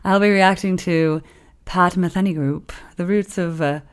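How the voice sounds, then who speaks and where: A woman's voice: fairly low pitch, fairly even intonation, unhurried, clean tone. Playful, chatty woman hosting a reaction video. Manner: playful and chatty, jokes in other languages. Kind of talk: casual chat to camera.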